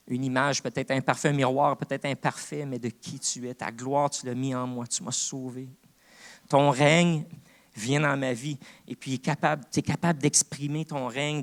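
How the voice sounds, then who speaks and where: Québécois man preaching earnestly. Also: medium pitch. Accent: Québécois French. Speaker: co-pastor. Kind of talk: sermon. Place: church.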